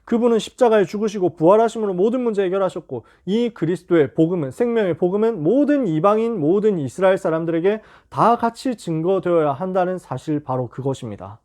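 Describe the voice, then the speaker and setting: A man teaching a Bible lesson to church high school students, telling the story with lively rhetorical questions. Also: a little fast, hardly any pauses.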